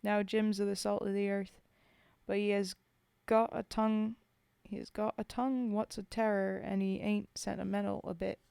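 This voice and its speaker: Reading verse as a rough common soldier of the First World War who mourns a lost comrade in folksy working-class speech, a woman keeps a medium pitch and level tone at a measured pace. Her delivery is mellow and lightly acted, the mood wistful, the recording dry.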